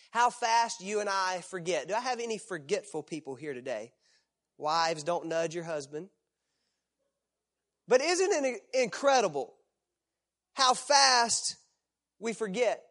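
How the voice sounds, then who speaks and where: A man with a strikingly high voice preaches to his congregation. He retells the story with emphasis, stretching key phrases and turning to the room with rhetorical questions. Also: a bit bright. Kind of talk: sermon to a live congregation.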